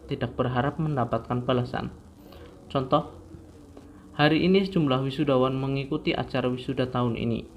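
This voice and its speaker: A young man reads a grammar lesson aloud in a class presentation, in a plain mid-range voice. He reads steadily from notes, tripping over words and restarting them. A faint hiss of noise sits under the recording. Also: mid-range voice. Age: young adult. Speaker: student presenter.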